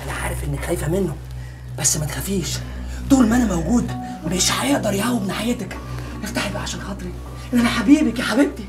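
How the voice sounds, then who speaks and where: An actor playing a deranged, lovesick doctor in an Egyptian accent, excitable and pushy, swinging from shouting to crooning. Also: male voice, high-pitched, racing, music in the background. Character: unhinged lovesick male doctor, pushy and wild. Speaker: deranged suitor.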